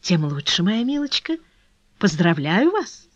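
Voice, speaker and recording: A woman voicing a gentle young noblewoman. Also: fairly low pitch, big pitch swings, measured pace, no room sound. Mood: tender. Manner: gentle, earnest, composed. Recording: dull dry lo-fi recording.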